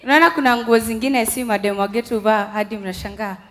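A young Kenyan stand-up comedian performs on an indoor stage through a headset mic, mixing Swahili and English. Her voice is on the high side with fairly even intonation, and she talks fast, chatty and mimicking voices.

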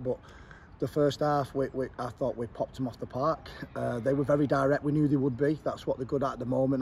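A man's voice: mid-range voice, dark tone, slight background noise. A man in his forties with an English accent, a football manager giving an earnest post-match interview outdoors at a ground, repeating words as he thinks.

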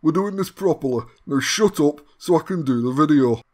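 Man, gaming host, sardonic banter, slightly high voice. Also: expressive, moderate pace, a little mellow. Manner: sardonic, mock-grandiose banter. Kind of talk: comedic channel announcement.

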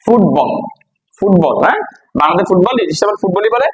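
Male teacher from Bangladesh, higher register, patient drilling style, asks and answers his own questions. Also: big pitch swings, quick pace, rough recording. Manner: repeats each word and quizzes listeners with questions. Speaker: English teacher. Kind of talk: classroom-style vocabulary lesson.

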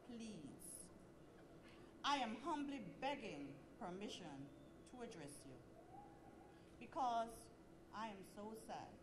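A woman's voice: on the high side, background noise. A woman, an assistant principal, giving a dramatic poetry recital with rhythmic, pleading declamation and swelling emphasis. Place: school auditorium.

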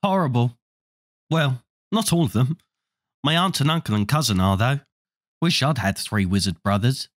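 A woman's voice: extremely low pitch, expressive, normal speed, pauses often, no echo, studio quality. A man reading a storybook aloud, voicing a polite, curious eleven-year-old boy in a slightly raised voice.

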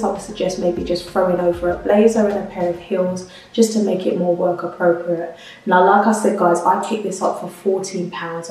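A woman's voice: on the low side, warm tone. A woman, reviewing clothes in a chatty, upbeat way and often calling her viewers "guys", recorded at home. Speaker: fashion vlogger. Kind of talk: try-on haul review. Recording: roomy echo, mic at a distance.

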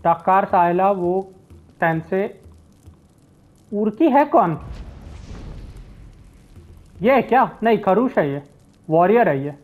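A man giving casual gameplay commentary, relaxed and mixing in English words, chuckling at the game. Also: high-pitched, slow, pauses often, low-quality recording. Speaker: gamer, channel host.

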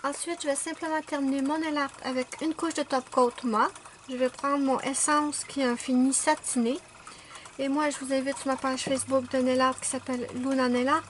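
Chatty high-voiced woman doing a nail tutorial. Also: little pitch movement, moderate pace, slight background noise. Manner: chatty, explains step by step with fillers. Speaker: nail art vlogger. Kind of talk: casual tutorial narration.

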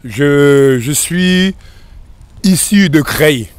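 A man's voice: on the high side, lively intonation, extremely slow, smooth, no room sound. Rambling male rapper in his thirties. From France. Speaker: rapper guest. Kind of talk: casual interview answers. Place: outdoors by a river in a park. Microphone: host's handheld mic.

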